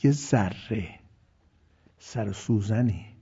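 A man giving a religious sermon, swinging between loud emphasis and hushed, near-whispered lines. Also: on the low side, breathy edge. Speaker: preacher. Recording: dull lo-fi recording.

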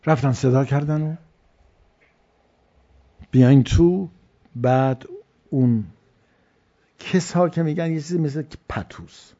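A man's voice: mid-range voice, mellow, muffled recording. Man giving a religious lecture. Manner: storytelling with repeated phrases. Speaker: cleric.

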